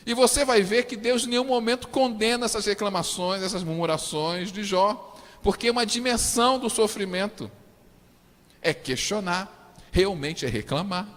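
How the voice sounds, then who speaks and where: A Brazilian pastor with a high voice preaches a sermon, dropping to quiet low asides and then rising to loud, high-pitched outbursts. He acts out the pleas of suffering people. His voice rings with the long reverb of a church hall. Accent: Brazilian Portuguese.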